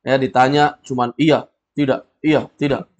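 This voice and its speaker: A man's voice: mid-range voice, level tone, measured pace, lo-fi sound. Man teaching a class, quizzing students. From Indonesia. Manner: drilling students, quizzing and correcting. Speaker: Arabic teacher. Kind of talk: classroom language lesson.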